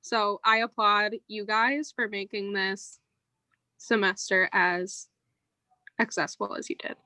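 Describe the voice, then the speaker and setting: A woman's voice: medium pitch, steady tone, unhurried, sharp tone, no echo. A woman student board member talking candidly and chattily in an online meeting. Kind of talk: casual online meeting talk.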